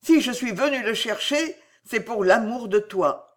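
A reader voicing a small, devoted young man in an audiobook, who speaks softly and simply. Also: mid-range voice, lively intonation, measured pace, pitched above the performer's own voice. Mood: tender. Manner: soft, tender, simple. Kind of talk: audiobook character voice.

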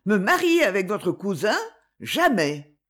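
A woman's voice: medium pitch, big pitch swings, a little slow, fairly bright tone. A woman reading aloud and voicing a sorrowful, lovesick young man in an earnest, resigned tone.

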